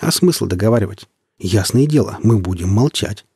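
A man voicing a shrewd, steady male scavenger leader in an audiobook story, giving matter-of-fact warnings. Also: lowish voice, moderate pace, slightly rough, dry recording, clean studio sound, heavily acted. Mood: calm, knowing.

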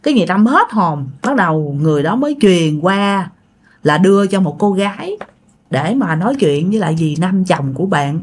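A woman's voice: fairly low pitch, lively intonation, moderate pace, breathy edge. A woman with a Southern Vietnamese accent telling a ghost story in a casual, chatty way, often speaking straight to her listeners. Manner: chatty, addresses listeners directly.

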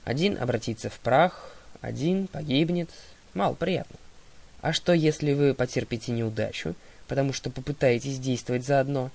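A man's voice: medium pitch, moderate pace, creaky, darkish tone. A man voicing a bored, sarcastic male god who drawls his remarks.

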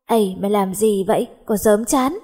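A woman's voice: mid-range voice, normal speed, darkish tone, slightly rough, natural voice. A woman voicing a playful, lazy teenage schoolgirl joking with her best friend.

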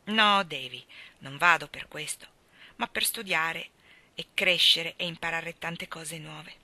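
A woman's voice: deep voice, takes it slowly, bright, forceful tone, no room sound, heavily acted. A woman reader voicing a thoughtful young woman student, patient and mildly teasing.

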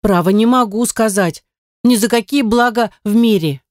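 A woman's voice: fairly high pitch, moderate pace, darkish tone, no echo, clean studio sound, pitched above the performer's own voice, natural voice. A woman voicing a chatty, flustered young maid who pleads and rambles in a raised voice. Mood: pleading. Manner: breathless, wheedling, rambling.

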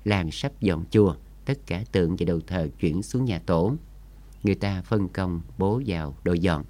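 A man reading a story aloud in a steady, measured narration. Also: low-pitched. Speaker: audiobook narrator.

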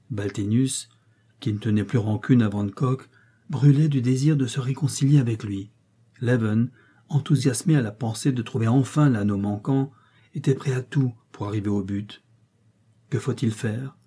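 A man with a husky voice narrating a classic adventure novel in a measured, dramatic way. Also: medium pitch, mellow. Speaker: audiobook narrator.

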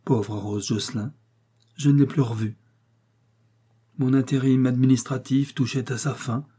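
Husky, dark-voiced male audiobook narrator. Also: medium pitch. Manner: measured, steady storytelling.

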